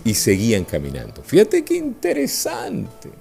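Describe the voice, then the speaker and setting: A man with a creaky, medium-pitched voice preaches a sermon at a measured pace, with soft music in the background. He is animated and checks in with the congregation as he goes, asking them questions.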